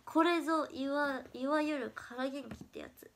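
A woman's voice: fairly even intonation, moderate pace, a bit bright, slight background noise. A young woman chatting casually on her livestream while crafting, stuffy from a runny nose, pushing herself to sound upbeat. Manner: forced high energy, chatty. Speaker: idol livestreamer.

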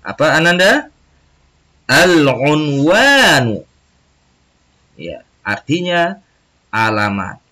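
Slow, lively Indonesian male teacher. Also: mid-range voice. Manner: slow and drawn out, repeats words for pupils to echo. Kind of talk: recorded Arabic lesson for children.

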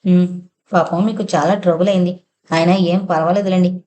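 A woman's voice: fairly low pitch, steady tone, fairly quick, warm tone, close to an everyday voice. Woman voicing a chatty scheming lorry driver. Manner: talkative, familiar, calls him sir.

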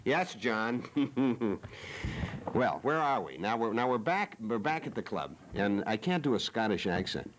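A man's voice: on the low side, big pitch swings, a little slow, slight background noise. A man hosting a cable TV talk show from a studio, joking and teasing in a rambling way. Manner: playful, teasing.

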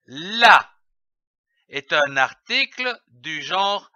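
A man with a bright, fairly high voice leads a children's phonics lesson. He spells out each letter and sounds every syllable with great deliberation, very slowly and with a lively, rising and falling pitch. The recording is dry and a little dull. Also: no echo. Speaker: reading teacher.

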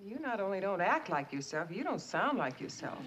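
A woman's voice: mid-range voice, very animated, a little fast, lo-fi sound, close to an everyday voice. A prim, bossy middle-aged wife, played by an actress, hands out advice in a fussy voice that rises and falls widely. The old sitcom soundtrack hisses behind her. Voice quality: fussy and instructive.

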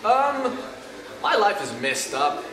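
A man's voice: sits high, big pitch swings, slow pace, crowd noise. A young man from Cape Town with a South African accent, a comedian answering interview questions in a self-mocking, joking way with plenty of fillers. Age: young adult. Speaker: comedian guest. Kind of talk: casual interview chat. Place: indoor studio set, couch. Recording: echoey room.

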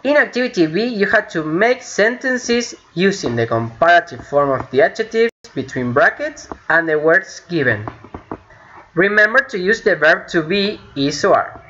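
A man teaching an English grammar lesson, patiently repeating points, checking understanding with frequent "ok?", and saying the English examples slowly and carefully. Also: high voice, lively intonation, bright, forceful tone. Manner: switches between Spanish and slow, carefully spoken English. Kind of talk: recorded online lesson explaining grammar. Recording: dull lo-fi home recording with faint hiss.

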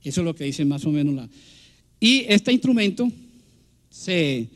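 High-voiced man lecturing. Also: very animated. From Colombia. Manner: explanatory, halting with fillers and restarts. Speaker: biologist guest speaker. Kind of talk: public science lecture with slides. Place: large public event hall.

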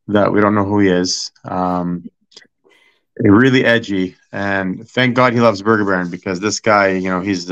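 A middle-aged man talking casually as an interview guest about his family's restaurant, rambling with many fillers and restarts. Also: low-pitched. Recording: dull lo-fi sound.

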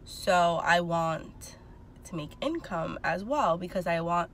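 Sitting in her parked car, a woman in her twenties talks casually to the phone she holds at arm's length, candid and full of fillers. She's a vlogger whose voice runs on the low side, animated yet slow, with a faint hiss or hum on the recording.

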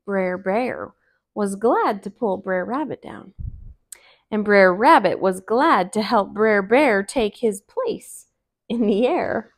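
Sitting on a couch in a small living room, a woman in her thirties reads a children's story aloud. Her mid-range voice is expressive and deliberate as she narrates.

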